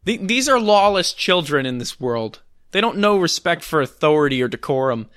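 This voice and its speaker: A man with a bright, animated, fairly high voice chats casually on a podcast. He rambles with fillers and dry sarcasm. The sound is close and dry. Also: normal speed, clear, resonant tone, no room sound. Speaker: podcast co-host recapping films. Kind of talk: casual chat.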